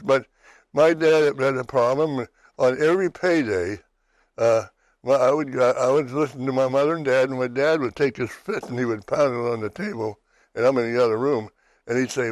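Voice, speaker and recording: A man's voice: medium pitch, moderate pace, no echo, low-quality recording. Rambling male talk show host. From western Pennsylvania, USA. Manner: rambling, restarts, keeps asking "right?". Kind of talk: personal testimony chat.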